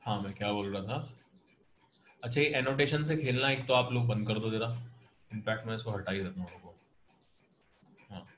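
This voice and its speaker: In an echoey room with faint background noise, a man speaks at normal speed in a lowish, slightly bright voice, pausing often. With an Indian accent, he lectures an online math class, patiently mixing Hindi and English and addressing students as "beta."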